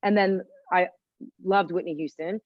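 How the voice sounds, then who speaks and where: A woman's voice: fairly low pitch, steady tone, unhurried, dry recording, highs cut off. A woman who grew up in Washington, D.C., a guest chef telling her story in a chatty interview and dropping in Spanish phrases. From Washington, D.C., United States. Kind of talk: casual interview conversation.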